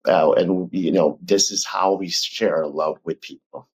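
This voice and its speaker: A man's voice: deep voice, steady tone, unhurried, darkish tone, breathy edge. A man from the Philippines, a restaurant founder talking earnestly as a podcast guest. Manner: earnest, with frequent restarts and fillers. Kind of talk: casual podcast interview.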